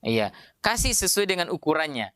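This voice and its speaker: A man teaching Quran recitation rules, explaining patiently with many drawn-out filler sounds and sounding out Arabic words aloud. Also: on the high side, very animated, fairly bright tone, no room sound, studio quality. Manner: demonstrates Arabic pronunciations aloud. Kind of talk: tajwid lesson.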